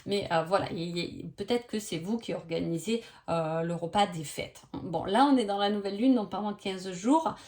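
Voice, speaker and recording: A woman's voice: medium pitch, moderate pace, hardly any pauses, a little mellow. A woman giving a casual oracle card reading sign by sign, chatty, with many hesitations and tag questions.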